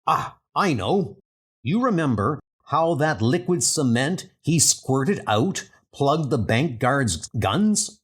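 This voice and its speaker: A man playing a brisk, bossy scientist superhero, earnest and a little patronizing, in a comic dub. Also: mid-range voice, sing-song, breathy edge, heavily acted. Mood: determined. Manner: earnest, commanding.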